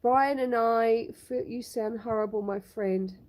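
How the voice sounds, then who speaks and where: A woman with a fairly high, darkish voice speaks a little slowly. She's hosting a casual homestead live stream outdoors, talking to viewers by name through a phone on a tripod. She's still a bit snuffly and has a cough left over from a long illness.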